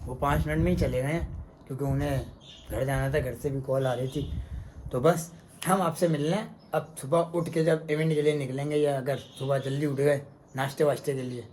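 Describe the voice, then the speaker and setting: A man's voice: medium pitch, fairly even intonation, moderate pace, darkish tone, slight background noise. A young man, chatting casually to camera as a family vlogger, playful and talking to viewers like friends. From Pakistan. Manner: chatty, playful, addresses viewers as guys and brother. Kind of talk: casual vlog narration to camera.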